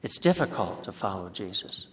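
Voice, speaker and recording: A man preaching a sermon, telling a story in a plain-spoken way and slowing down to stress words. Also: deep voice, very animated, slight background noise. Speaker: pastor. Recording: echoey hall.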